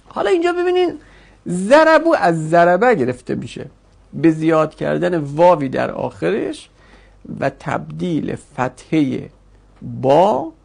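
In a classroom lecture on Arabic grammar, a man explains the forms step by step and repeats them slowly for his students. His voice is a little high, gravelly and husky.

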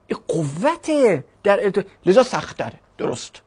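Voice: mid-range voice, big pitch swings, a little mellow, breathy edge. A language teacher giving a chatty classroom lecture, asking rhetorical questions and joking with the students.

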